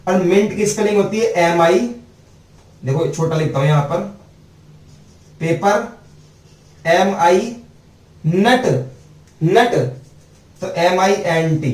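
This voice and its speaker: A man teaching spelling, his voice high and his pace slow and deliberate. He drags out words letter by letter for his students. The sound is roomy and echoey, picked up from some distance away. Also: a little mellow. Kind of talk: spelling lesson at a board. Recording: echoey room, mic at a distance.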